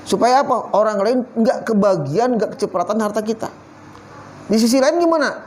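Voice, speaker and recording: A man's voice: high voice, lively intonation, normal speed, a little mellow, a little hiss or hum. A man teaching a Quran study session, reciting Arabic verses and firing questions at his audience in casual slang. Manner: quizzes the audience with constant questions. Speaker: Islamic religious teacher. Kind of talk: Quran study talk to a youth group.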